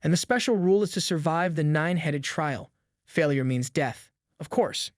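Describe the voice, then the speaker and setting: A man narrating a scripted recap in a steady storytelling manner. His voice sits a little high for a man, and the recording is close and dry with no room sound. He leans harder into the tense moments. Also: brisk, no echo.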